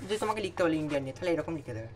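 A man's voice: fairly high pitch, expressive, rapid-fire, slight background noise. A young man with a Bengali accent giving an exam revision lesson, explaining terms and checking that students follow. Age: young adult. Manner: explains terms then asks students "understand?". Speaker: tutor.

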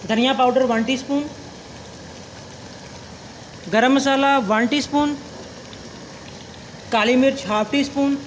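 A man's voice: extremely high pitch, fairly even intonation, takes it slowly, long pauses, slight background noise. A young man hosting a cooking channel, explaining a recipe step by step in a polite, formal way with religious greetings.

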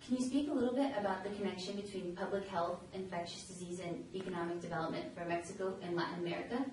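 A young woman asking an interview question in a brisk, clear way. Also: on the low side, steady tone. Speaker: interviewer, student. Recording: echoey room, distant mic, background noise.

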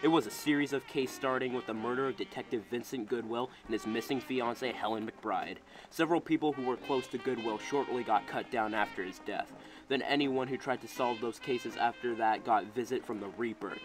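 A man's voice: medium pitch, brisk, natural voice, low-quality recording. A man playing a wry, world-weary hard-boiled private detective who narrates his own case in a noir radio drama. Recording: music behind.

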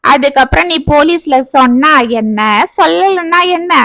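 A woman voicing a young man, a rough-voiced blackmailer who talks in a mocking, taunting way. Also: sits high, moderate pace, fairly bright tone, no room sound.

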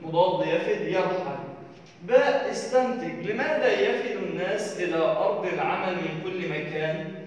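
A man teaching a primary school lesson, reading textbook questions aloud slowly and then giving the answers. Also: sits high, highs cut off. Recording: echoey hall from far off.

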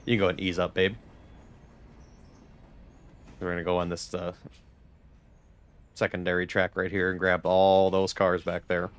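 A man's voice: low-pitched, completely flat delivery, unhurried, pauses often, clear, resonant tone. A man giving chatty, joking commentary on a live gameplay stream and greeting viewers. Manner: joking, chatty, talks to chat. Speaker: game streamer.

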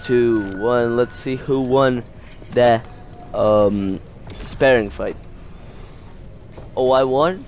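Dude doing a chill let's-play of a fighting game, talks slow, gets yelly and hyped in fights, average pitch. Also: male voice, a little hiss or hum. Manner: excitable, yells at the game during fights. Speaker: gaming commentator. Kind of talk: casual let's-play commentary.

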